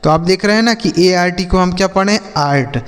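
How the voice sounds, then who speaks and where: A man's voice: sits high, brisk, smooth, faint music behind. Man teaching English reading, reverberant room. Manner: spells words letter by letter, then asks and repeats the answer; calls viewers children and brother. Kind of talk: spoken English reading lesson. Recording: long hall reverb.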